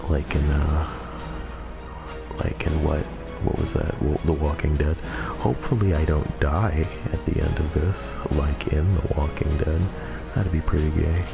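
A man commentating on a video game in a hushed golf-commentator style, deadpan, joking and profane, with a gravelly voice. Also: unhurried. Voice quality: very deep, gravelly. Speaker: gamer commentating over play. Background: game music.

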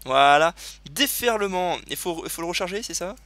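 A man hosting a casual let's play, excitable and chatty as he thinks aloud. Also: sits high, normal speed, no room sound. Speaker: gaming video host. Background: video game sounds.

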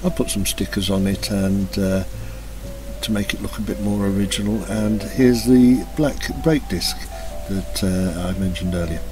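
A man narrating a slideshow of his motorbike restoration in a relaxed, hesitant way, with frequent ums and uhs. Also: fairly low pitch, a little slow. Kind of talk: casual voice-over commentary. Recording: voice-over with music playing behind.

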